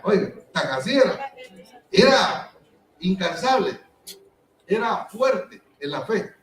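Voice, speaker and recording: A man's voice: high-pitched, animated, takes it slowly, a bit bright. A man preaching a sermon as pastor, acting out the scripture with dramatic emphasis. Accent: Latin American Spanish. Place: church hall. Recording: echoey church from a distance.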